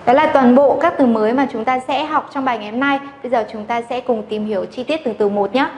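A woman's voice: a little high, fast talker, a little mellow, reverberant, long reverb tail, a little hiss or hum, poor audio. A woman teaching a Chinese language class in Vietnamese. She drills syllables one at a time and repeats each one. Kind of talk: classroom pronunciation lesson.

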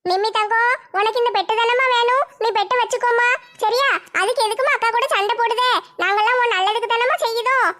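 A woman's voice: extremely high pitch, fairly even intonation, brisk, pushed and bright. A woman voicing a sly, scheming woman who coaxes sweetly in a comedy sketch. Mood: coaxing. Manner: coaxing, soothing.

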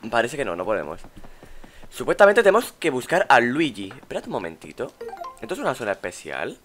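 With huge swings in pitch, a medium-pitched, slightly bright man talks briskly over soft background music. He's a young Spaniard and gaming YouTuber narrating a let's play, chatting, exclaiming, and muttering as he searches.

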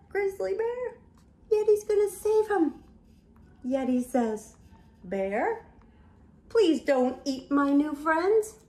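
An older woman reads a picture book to young children very slowly, pausing often, her voice high-pitched. She's filmed indoors at home, the room sounds roomy, and she dramatizes the tale with gasps and whispers.

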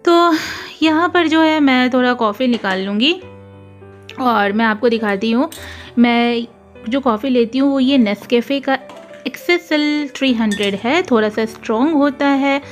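A young woman with a slightly high voice chats easily to her viewers. She talks with fillers and small laughs, filming herself on a phone camera in her kitchen. The room sounds echoey and faint music plays behind her. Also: unhurried. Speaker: vlogger. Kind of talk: casual chatty vlog. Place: home, quiet flat in the kitchen.

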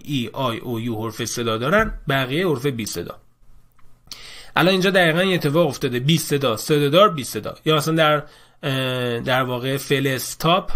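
A man teaching an English grammar lesson, explaining slowly and repeating key points. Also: on the high side, a bit bright.

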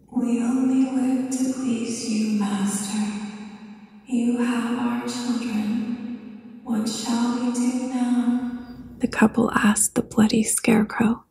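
A woman narrating a horror story soft-spoken and whispered, as whispered role-play. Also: on the high side, vocal fry, slightly rough.

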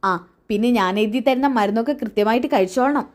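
A woman voicing a calm woman doctor who speaks slowly and reassures a patient. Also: a little high, natural voice. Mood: reassuring. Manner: slow and measured.

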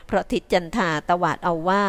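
A woman reading an audiobook novel aloud at a steady, even pace. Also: a little fast. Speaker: audiobook reader. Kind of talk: scripted audiobook narration.

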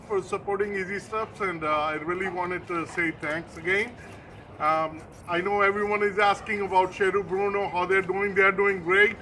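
Very high-voiced man coaxing his dogs. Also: sharp tone, a little hiss or hum, poor audio. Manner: coaxing, affectionate calls to the dogs, simple repeated phrases; grateful, plain thank-you talk to viewers. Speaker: channel host and dog owner. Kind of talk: casual home vlog talking to dogs and viewers. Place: at home, indoors.

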